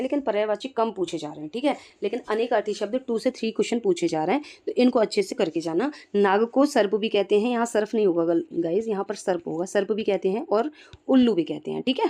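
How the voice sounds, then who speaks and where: Quick-checking woman teacher with a mellow voice. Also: medium pitch. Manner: explains quickly, with frequent "ठीक है" check-ins; mixes English terms into explanations. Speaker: exam prep teacher. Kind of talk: solving exam questions aloud.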